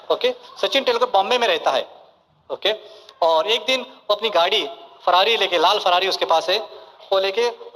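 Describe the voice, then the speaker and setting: This motivational business speaker has a high, pushed, bright voice as he addresses a seminar audience in a big hall. He blends Hindi with English phrases and constantly checks in with listeners, seeking a yes or no and saying okay. The room sound is reverberant.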